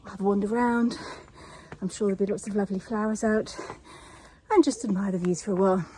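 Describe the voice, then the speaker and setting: A woman's voice: mid-range voice, fairly even intonation, fast, warm tone, a little hiss or hum, poor audio. A woman talking casually to camera in a vlog while climbing mountain steps outdoors, out of breath. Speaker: vlogger.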